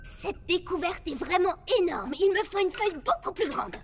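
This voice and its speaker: A woman's voice: extremely high pitch, expressive, moderate pace, in a large hall, over music. A woman voicing a sweet, bubbly and caring young cartoon heroine. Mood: excited curiosity. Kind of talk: animated series dubbing.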